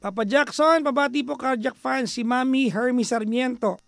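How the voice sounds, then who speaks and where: Filipino male radio host, high gravelly voice, playful teasing banter with listeners, studio mic. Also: normal speed, dry recording. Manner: chatty, mixes Tagalog and English, teasing, playful; bursts into loud, high exasperated rants. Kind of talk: casual radio talk with listeners.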